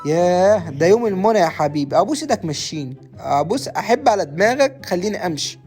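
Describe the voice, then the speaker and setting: Casting: a woman as an exasperated Egyptian man in a comedy sketch, rapid-fire, low dark voice. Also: lively intonation, soft background music, close to an everyday voice. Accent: Egyptian Arabic. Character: fed-up adult man minding a boy.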